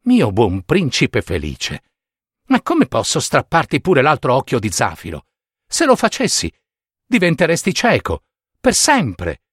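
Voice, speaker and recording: A man's voice: mid-range voice, wildly swooping pitch, a little slow, fairly bright tone, slightly rough, dry recording, studio quality, exaggerated voice. A man voicing a small, kind female swallow in a storybook, speaking earnestly and pleadingly.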